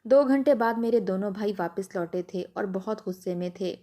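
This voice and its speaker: A woman's voice: medium pitch, dark tone. Woman narrating a family story. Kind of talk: first-person story narration.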